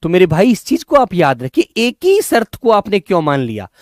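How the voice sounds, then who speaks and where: A man teaching in a live online class, coaxing his students and drilling words by repeating them slowly. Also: high voice, wildly swooping pitch, no echo, clean studio sound. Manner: coaxing, addresses students as children and brothers. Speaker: Hindi teacher.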